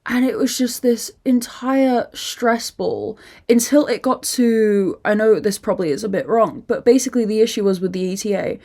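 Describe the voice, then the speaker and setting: A young woman hosting a casual podcast, telling a rambling, animated story full of swearing and acting out other people's voices. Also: fairly high pitch, moderate pace. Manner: acts out other people's lines in put-on voices. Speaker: podcast host.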